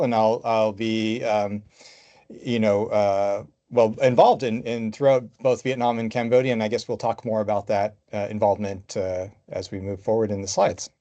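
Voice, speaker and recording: A man who is a history professor, introducing himself in a relaxed way with many fillers during an online information session over a video call. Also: mid-range voice.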